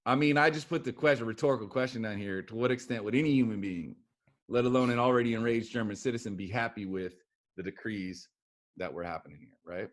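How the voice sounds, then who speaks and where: A man's voice: on the low side, quick pace. Casual male history teacher lecturing. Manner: animated, acts out quotes of historical figures.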